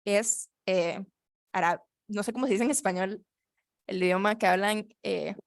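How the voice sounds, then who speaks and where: A woman's voice: medium pitch, unhurried, no room sound. A woman explains vocabulary in a loose, chatty classroom manner. She corrects herself often as she goes. The recording is dry and close. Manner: chatty, self-correcting, laughs easily. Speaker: English teacher.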